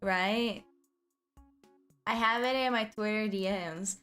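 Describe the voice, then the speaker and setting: A woman chatting casually on a livestream as a cute anime-style VTuber host, rambling and excitable. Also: mid-range voice, slow pace, faint music behind. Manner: rambling, frequent "like" asides.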